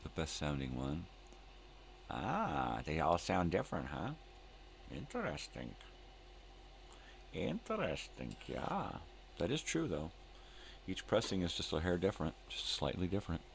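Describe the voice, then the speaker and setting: Older man, bottomless gravelly voice, laid-back rambling host, hippie slang, repetitive, slightly noisy recording. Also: deep voice, huge pitch swings, unhurried, long pauses. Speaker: host of a live morning show. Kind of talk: casual rambling chat.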